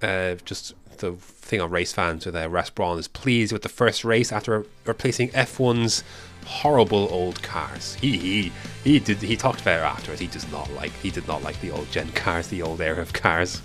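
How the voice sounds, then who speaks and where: A man's voice: deep voice, moderate pace, soft background music. A young man co-hosting a motorsport podcast in casual, opinionated chat. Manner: animated, opinionated, swings between excited and dry asides. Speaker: podcast co-host.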